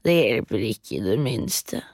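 A woman voicing a wicked old female witch who eats children, talking in a sly, menacing, drawn-out way. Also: a bass voice, lively intonation, a little mellow, slightly rough, no echo, studio quality, pitched below the performer's own voice, heavily acted. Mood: scornful.

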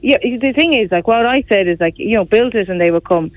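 With lively intonation and a slightly quick pace, a mid-range female voice from Galway discusses politics on the radio. She is an opposition politician with a west of Ireland accent who chats casually, using "you know" and "like" a great deal. The audio has no echo and a dull, dry radio character.

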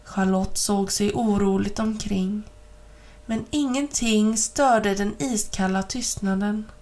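A woman reading a children's story aloud as an audiobook, in even, clear storytelling narration. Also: medium pitch. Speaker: reader.

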